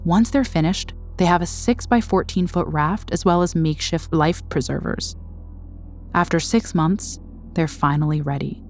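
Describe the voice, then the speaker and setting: Female documentary narrator, low register, measured dramatic read, faint score underneath. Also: faint music behind. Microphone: studio voice-over.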